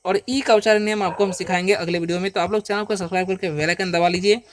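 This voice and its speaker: High-voiced man teaching English pronunciation. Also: steady tone, rapid-fire, a little hiss or hum. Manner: patient, repetitive, often asks and answers his own questions; checks in with listeners with frequent "okay?" and "isn't it?". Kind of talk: Hindi-language pronunciation lesson.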